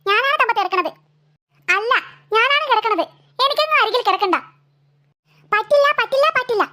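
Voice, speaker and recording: A woman's voice: very high voice, animated, brisk, sharp tone, exaggerated voice. A woman voicing two stubborn, bickering young sisters in a cartoon. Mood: squabbling. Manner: whiny, stubborn squabbling.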